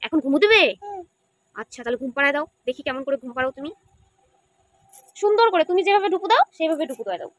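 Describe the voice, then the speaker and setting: Woman doing sing-song baby talk with a little kid, asks question after question, really high voice. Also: animated, fast, pauses often, no room sound. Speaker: caregiver playing with a toddler.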